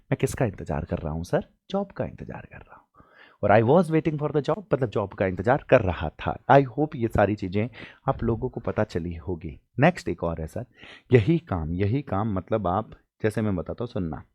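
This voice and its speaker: A man's voice: lowish voice, very animated, moderate pace, a little mellow, breathy edge, dry recording. A young man teaching an English class for exam prep, acting out his students' questions and then answering them himself.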